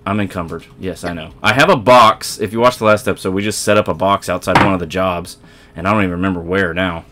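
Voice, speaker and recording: A man's voice: sits low, steady tone, quick pace, sharp tone. A man hosting a let's play, chatting casually to viewers as he plays, rambling and correcting himself as he goes. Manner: rambling, self-correcting, talks to viewers while playing. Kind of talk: casual gameplay commentary.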